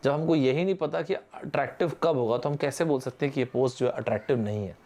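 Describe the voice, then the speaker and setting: A man's voice: medium pitch, fast talker. A man with an Indian accent teaching vocabulary in an online exam-prep lesson, switching between Hindi and English and quizzing his viewers. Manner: lively, mixes Hindi with English terms, quizzes viewers directly.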